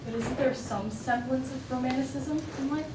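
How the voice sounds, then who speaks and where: In a stage play, an actress portrays an opinionated woman arguing with earnest, insistent, emphatic frustration, lightly acted at normal speed with fairly even intonation. Her high-ish voice is picked up from afar on an indoor stage by a distant mic in a very echoey, noisy space.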